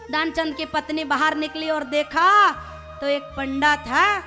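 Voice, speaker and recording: A woman religious storyteller gives a devotional sermon at a slow, deliberate pace. Her voice is high and bright, and she tells the story dramatically. Faint music plays behind her. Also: little pitch movement.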